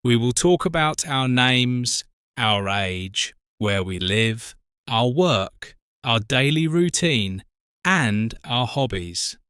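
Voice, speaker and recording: British man, forties, English teacher podcast, very slow careful speech, crisp dry sound. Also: mid-range voice, animated, fairly bright tone, dry recording. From Britain. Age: 40s. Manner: slow, careful, spells out words. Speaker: co-host of an English lesson podcast. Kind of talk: slow scripted teaching talk.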